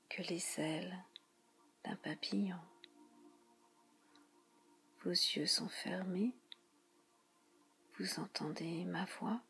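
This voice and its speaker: A woman with a lowish voice whispers a relaxation hypnosis, soothing and spa-like. Breathy and hushed, she keeps her phrasing slow and repetitive, pausing frequently along the way.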